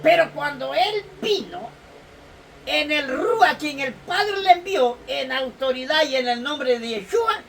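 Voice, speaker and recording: A woman's voice: high-pitched, animated, unhurried, vocal fry. A woman preaching an emotional sermon, reading scripture aloud with tearful sighs and fervent exclamations. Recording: distant mic with faint room noise.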